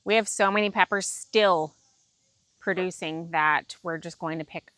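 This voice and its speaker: A woman's voice: on the low side, fairly even intonation, a little slow, a bit bright, no room sound. Woman farm vlogger, rambling and chatty, outdoor handheld camera sound. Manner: chatty, laughs easily, rambling. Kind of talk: casual vlog chat. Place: outdoors in a farm garden at dusk.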